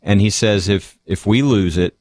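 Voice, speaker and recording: A man on a radio round table comments in a very deep voice. He speaks haltingly and often restarts his sentences. He sits close to a dry studio mic. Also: darkish tone, no room sound. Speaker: radio show co-panelist.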